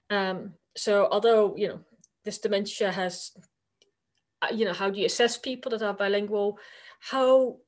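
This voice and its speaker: Over a video call, a native Dutch speaker with a noticeable accent gives her academic conference talk. She speaks at medium pitch, loosely and tentatively, using a lot of filler words.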